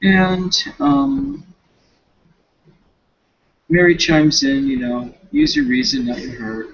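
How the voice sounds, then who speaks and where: A student reading a novel for a class paper gives a casual, rambling recap, half talking to himself. His voice is fairly high with huge pitch swings, and his phrasing is informal, slangy and halting, full of self-corrections, on a dull home recording.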